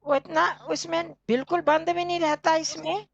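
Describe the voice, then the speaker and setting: High, gravelly-voiced woman teaching slowly. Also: fairly even intonation, dull audio. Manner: patient, explains step by step and recites sounds slowly for students to repeat. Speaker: Sanskrit teacher. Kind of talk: online class teaching. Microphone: online call audio.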